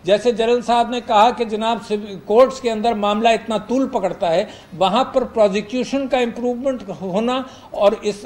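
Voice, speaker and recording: Insistent high-voiced man debating. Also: darkish tone. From Pakistan. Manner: insistent, repeats himself to hold the floor. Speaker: panel guest, politician. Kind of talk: talk show debate.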